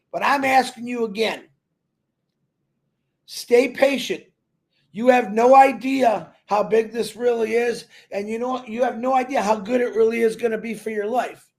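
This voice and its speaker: A man giving a loud, emphatic motivational talk to company members, telling folksy stories and repeating himself. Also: extremely high pitch. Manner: loud and emphatic, calls himself a big mouth; repetitive, folksy storytelling. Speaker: company promoter speaking to members.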